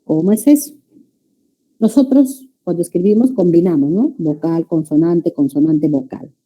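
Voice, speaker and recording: A woman's voice: fairly low pitch, moderate pace, mellow. A woman teaching a language class, lecturing students and often checking that they follow. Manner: addresses students as "jóvenes", checks understanding with "¿ya?".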